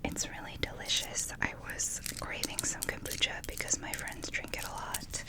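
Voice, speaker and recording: A woman whispering in a casual, chatty way as an ASMR host, close to the microphone. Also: moderate pace. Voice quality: whispering, unvoiced.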